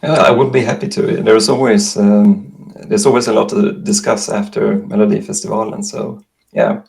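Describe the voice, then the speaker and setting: Male interview guest, Swedish accent, lower register with vocal fry, explains things in a measured way. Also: fairly even intonation, darkish tone. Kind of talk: interview answers.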